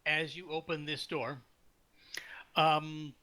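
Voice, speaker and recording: A man narrating a tabletop game as its game master. His voice sits a little high and rings bright and forward. He talks in loose, halting bursts, restarting sentences and leaning on fillers. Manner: relaxed, hesitant with many fillers and restarts. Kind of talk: running a tabletop game online.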